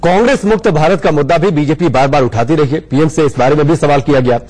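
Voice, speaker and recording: A man reads a scripted news voice-over in a crisp, announcing manner. His voice sits somewhat high for a man. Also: quick pace, a little mellow. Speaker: news presenter.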